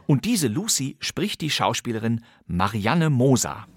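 Crowd noise surrounds this podcast host as he introduces old radio crime dramas with theatrical, playful glee, savoring each vintage thriller title. His medium-pitched voice has a sing-song lilt and a measured pace.

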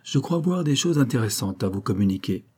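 A man voicing a calm, methodical male police detective in an audiobook, with a measured, explanatory delivery. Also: medium pitch, slightly rough. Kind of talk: audiobook character reading.

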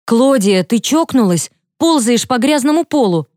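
A woman voicing a teenage girl who is upset and crying, high and strained. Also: expressive, moderate pace, a little mellow, no room sound, clean studio sound, close to an everyday voice. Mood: tearful.

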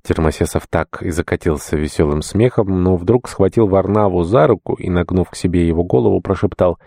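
Man reading a classic novel aloud, low dark voice. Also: brisk, creaky, no room sound, clean studio sound. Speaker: audiobook narrator. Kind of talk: literary audiobook reading.

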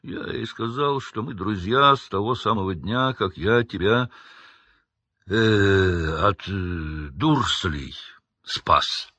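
A man's voice brings out a gentle half-giant gamekeeper who speaks gruffly and haltingly. The tone is husky and bright. The storybook recording sounds dull and dry. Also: fairly low pitch, expressive, no echo, full character voice. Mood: gruff, homely. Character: gentle huge male half-giant gamekeeper, simple-hearted.

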